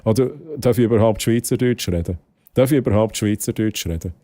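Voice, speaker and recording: A young Swiss man streaming live in casual chat with a Swiss German accent, excitable and prone to loud outbursts. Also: fairly quick, no room sound, clean studio sound. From Switzerland. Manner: excitable, bursts into loud high exclamations and laughter.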